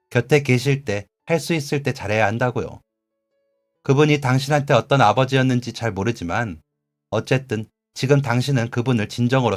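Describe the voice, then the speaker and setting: A man voicing an earnest, gentle male café regular who pleads sincerely, read as a radio drama. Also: mid-range voice, close to an everyday voice.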